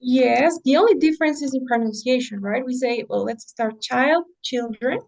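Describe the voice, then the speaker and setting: A woman's voice: sits high, unhurried, creaky, a little mellow, far from the mic, low-quality recording. A woman English teacher giving a writing lesson, explaining patiently and often checking in with her students.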